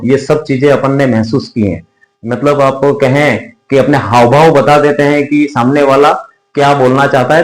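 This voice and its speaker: Man, teacher, classroom lecture, repeats and quizzes students, echoey room. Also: fairly high pitch. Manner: explains slowly with repetitions and questions to students. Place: classroom with board.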